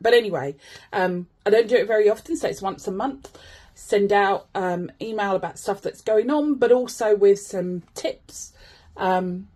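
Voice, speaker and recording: A woman's voice: on the low side, a little mellow. A woman coach talking informally to her followers, chatty and given to self-deprecating asides. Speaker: wellbeing coach and host. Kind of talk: informal video chat to followers.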